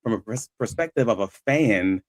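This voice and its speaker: A man's voice: mid-range voice, lively intonation, normal speed, dry recording, clean studio sound. A man hosting sports talk, giving conversational analysis and stressing his key points as he argues them. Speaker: sports talk show host.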